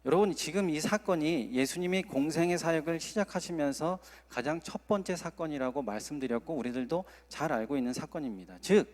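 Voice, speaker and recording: A man's voice: on the high side, brisk, hardly any pauses. A male associate pastor preaching a sermon at a Friday service, earnest and acting out quoted dialogue. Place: church sanctuary. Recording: long church hall reverb.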